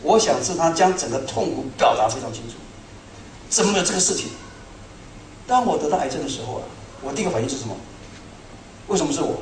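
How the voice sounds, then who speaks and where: A middle-aged man with a somewhat high voice delivers a sermon to his congregation. He tells stories in an animated, self-mocking way. His voice is caught from a distance in a roomy hall, with faint noise behind it. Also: quick pace, long pauses. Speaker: pastor. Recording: echoey hall, speaker far from mic.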